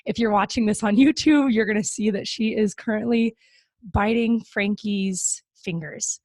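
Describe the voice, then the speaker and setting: With a mid-range, darkish voice at a moderate pace, this young woman hosts a podcast, chatting casually in an upbeat way and using lots of fillers. The close podcast mic gives a dry recording.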